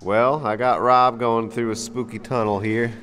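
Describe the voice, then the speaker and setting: A man's voice: medium pitch, level tone, moderate pace, a bit bright, clear, resonant tone. Man talking, echoing through a tunnel. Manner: upbeat, chatty, laughs often. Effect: echoing tunnel reverb. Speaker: vlog host, fossil hunter. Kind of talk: casual outdoor vlog chat. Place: inside a concrete tunnel under a bridge.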